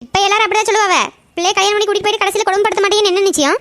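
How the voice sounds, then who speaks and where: Sulky money-minded cartoon mother, sharp retorts, high and fast, a woman voicing her. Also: little pitch movement, no room sound. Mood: grumbling. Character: greedy, sulky mother obsessed with property.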